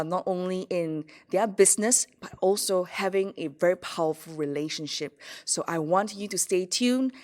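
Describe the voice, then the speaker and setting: A woman's voice: lowish voice, a little mellow. A woman hosting a podcast interview, speaking in an upbeat, promotional way. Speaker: podcast host. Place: hotel in Singapore.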